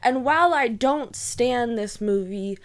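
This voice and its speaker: Chatty young woman, fairly high voice. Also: animated, measured pace. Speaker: podcast co-host. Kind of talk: casual chat, movie review.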